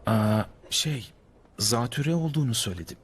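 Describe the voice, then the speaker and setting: A man's voice: medium pitch, animated, normal speed, husky. An actor dubbing a nervous male lab colleague who hesitates and stammers through his lines. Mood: anxious. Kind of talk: film dubbing.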